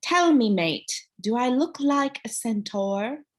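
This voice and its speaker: A woman voicing a smug, greedy male ferryman of the dead with a vaguely British, foreign-tinged accent, speaking slowly in a sweet, cold way. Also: a little high, lively intonation, pitched above the performer's own voice. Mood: silky, mocking. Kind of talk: audiobook character reading.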